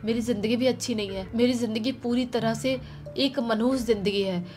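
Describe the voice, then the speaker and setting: A tearful, plaintive orphaned young village girl, as a woman storyteller puts her on, lonely and hungry. Her voice is slightly high and sits over faint music in a storybook telling. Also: steady tone, a little fast, darkish tone, lightly acted. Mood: sorrowful.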